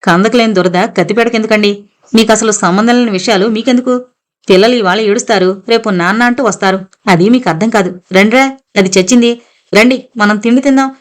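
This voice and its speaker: A woman's voice: a little high, fast talker, close to an everyday voice. Woman reading as a sneering, harsh husband. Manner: sarcastic, harsh scolding. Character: sneering, violent middle-aged husband.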